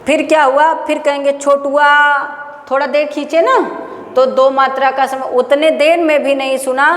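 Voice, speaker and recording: A high-pitched woman lectures on grammar for exam students, posing questions to the class and answering them herself. She stretches out example sounds in a slow chant. Her voice rings in a roomy space with a long, lingering reverb. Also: steady tone. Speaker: Sanskrit grammar teacher. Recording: echoey room with long reverb.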